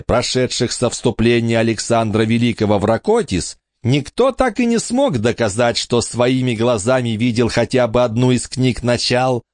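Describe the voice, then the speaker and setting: A male audiobook reader voicing a cold, condescending countess who coaxes and mocks in a smooth, dry studio voice. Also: mid-range voice, a little mellow, no echo, voice pushed up, close to an everyday voice. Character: cold, silky scheming noblewoman, a countess. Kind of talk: audiobook character voice.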